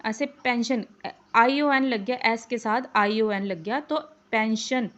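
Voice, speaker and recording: A woman teaching English phonics in Hindi, talking slowly, repeating example words and letter names with many fillers. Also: fairly high pitch, fairly bright tone. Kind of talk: spoken English lesson in Hindi. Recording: dull lo-fi recording.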